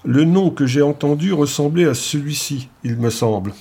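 A man's voice: fairly high pitch, normal speed, dark tone, a little hiss or hum, lightly acted. A man voicing a giant, jovial male clan chief who talks bluntly and heartily in an audiobook story.

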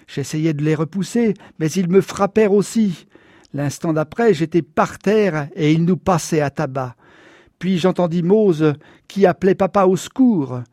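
A man's voice: high-pitched, a little mellow, no room sound, studio quality. Man reading a somber audiobook. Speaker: audiobook narrator. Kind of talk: scripted first-person narration.

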